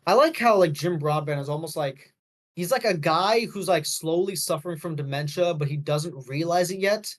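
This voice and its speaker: This podcast co-host talks about a movie at a normal speed in a voice on the high side. He rambles casually, piles on fillers, and keeps restarting his sentences to fix what he said.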